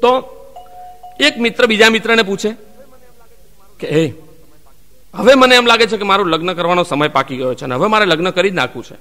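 A man telling a string of jokes as a stand-up comedian, acting out the people in them with quick voice shifts. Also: high voice, bright, forceful tone, long reverb tail, faint music behind. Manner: acts out the characters in his jokes with quick voice shifts. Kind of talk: Gujarati joke telling.

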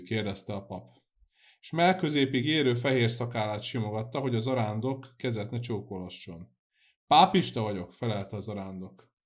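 Male audiobook narrator, measured, even delivery, mid pitch. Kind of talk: scripted narration.

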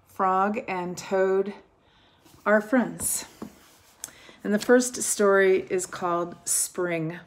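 Slow-speaking woman reading to children. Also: fairly low pitch. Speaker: teacher reading aloud. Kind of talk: children's storybook read-aloud. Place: home kitchen.

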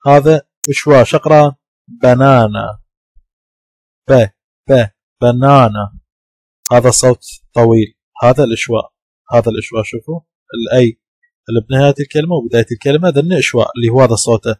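A man with an Iraqi Arabic accent explains English vowel sounds slowly and patiently, saying each sound again and again. His voice sits at a middle pitch. It is recorded close to the mic in a dry room with no echo. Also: darkish tone. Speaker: English teacher. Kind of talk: classroom lecture.

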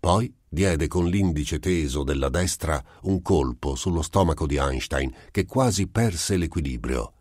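A man reading a short story aloud in a measured, deliberate amateur audiobook narration. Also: rumbling low, expressive, darkish tone, no room sound, studio quality. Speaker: audiobook reader. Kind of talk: literary narration.

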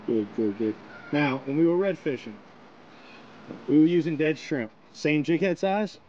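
A man in casual chat on a small fishing boat outdoors, explaining in a relaxed, drawling way with fillers. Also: a little high, measured pace, lo-fi sound, slight background noise.

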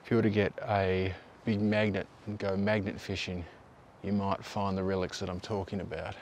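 An Australian man in his thirties, talking to camera out in the open with an easy, offhand manner. His voice sits low, and a faint outdoor hiss is heard behind him. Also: normal speed. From Tasmania, Australia. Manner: relaxed, conversational, offhand asides. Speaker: local history video host. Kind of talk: casual on-location presenting. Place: outdoors by a river and on park paths.

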